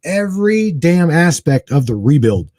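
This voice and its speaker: A man's voice: a little high, sing-song, measured pace, dark tone, no echo. A man in his forties co-hosting a talk show, speaking emphatically and animatedly with casual slang. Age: 40s. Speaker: guest co-host. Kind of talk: casual conversation.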